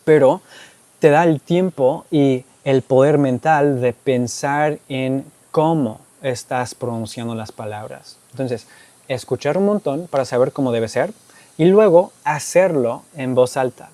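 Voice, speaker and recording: In an unhurried, mid-range voice, a YouTuber with a warm tone explains answers to viewer questions in a relaxed monologue. Spanish is a learned second language for him, and he often ends statements with "¿ok?" or "¿verdad?"; there's no room sound.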